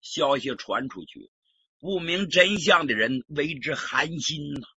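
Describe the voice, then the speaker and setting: A man voicing a cautious army officer who reasons softly and deferentially. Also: on the high side, lively intonation, unhurried, husky, dry recording, heavily acted. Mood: persuasive. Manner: soft, persuasive, deferential. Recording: dull lo-fi recording.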